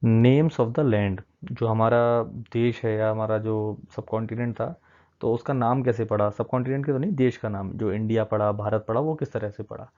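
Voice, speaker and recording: Dark-voiced man teaching children, coaxing. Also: lowish voice, fairly even intonation, normal speed. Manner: coaxing, keeps checking in with the children; mixes in English terms while explaining. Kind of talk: classroom lecture explaining a map. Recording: dull lo-fi sound.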